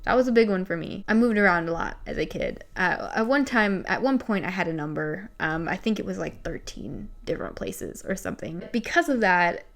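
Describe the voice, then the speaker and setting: She's a vlogger in her twenties with a lowish voice, talking fairly quickly and barely pausing. At home, with a ring light set up, she reads bits of an old journal to camera and comments on them. She is casual, confessional, candid and self-deprecating.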